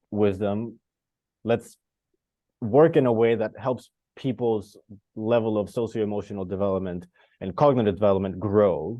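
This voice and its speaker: Speaking over a video call in a reflective online discussion, this participant from Costa Rica has a lowish, mellow voice, captured lo-fi with no echo. He wanders as he thinks aloud, filling gaps and restarting often.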